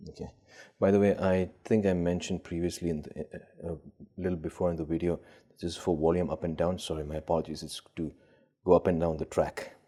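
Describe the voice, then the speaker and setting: A gadget collector and video host runs a casual gadget demo, testing things while thinking aloud in a hesitant, unscripted way. His voice is deep, husky and dark, with a flat delivery at a fairly quick pace.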